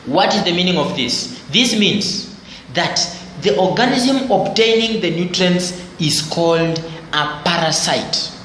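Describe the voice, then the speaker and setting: A man's voice: high-pitched, expressive, a little slow, fairly bright tone. A man with a slightly raised voice lectures on biology and goes over each point twice. His voice rings in a very echoey room. A faint hiss runs behind him. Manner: repetitive explanatory teaching, phrases restated for emphasis. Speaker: teacher.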